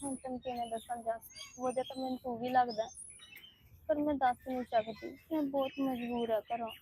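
A woman plays a troubled young widow in a short film drama, torn and unsure. Her voice is high and soft, with hesitant, sorrowful pauses between her words. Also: slight background noise, lightly acted, poor audio.

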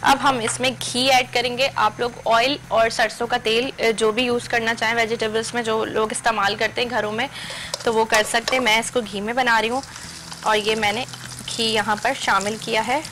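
On a TV cooking show, a young Pakistani woman with a slightly high voice teaches a recipe step by step, speaking to viewers directly and instructively from a studio kitchen set at normal speed. Steady noise and a sizzling pan sit behind her in the broadcast recording.

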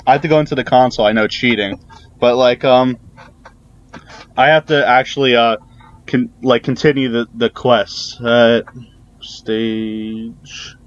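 A man's voice: mid-range voice, steady tone, a little slow, lo-fi sound. A man giving casual, hesitant commentary while playing a video game, full of fillers and the odd curse. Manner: rambling, hesitant, swears when startled. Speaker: gameplay video creator.

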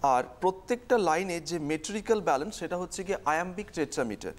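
A woman's voice: fairly low pitch, animated, brisk. A woman teaching a televised exam-prep lesson, explaining step by step and repeating key terms.

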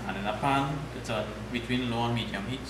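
A man in his thirties with a Trinidadian accent, calmly explaining a recipe step by step in his home kitchen. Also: medium pitch, a little fast, background noise. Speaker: home cook. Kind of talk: cooking demonstration. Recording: echoey kitchen with loud sizzling. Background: frying sizzle.

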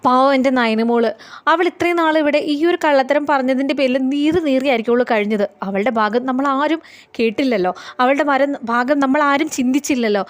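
A woman's voice: sits high, a little fast, dry recording. A woman casually recapping a TV serial episode, retelling scenes in a chatty way and reading out the characters' lines.

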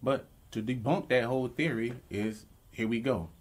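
A man's voice: medium pitch, steady tone, moderate pace. A man co-hosting a podcast, arguing bluntly and profanely in casual chat, laughing as he makes his points. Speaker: podcast co-host.

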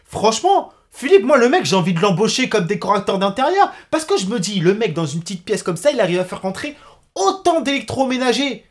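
A man's voice: high voice, brisk. A young man giving casual reaction commentary on a TV show, joking and ranting with lots of swearing. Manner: swearing, joking, animated rants.

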